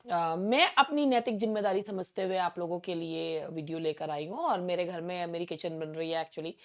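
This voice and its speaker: Hoarse from a sore throat, an Indian woman with a slightly high voice teaches an online English exam-prep lesson. She keeps it chatty and clears her throat often.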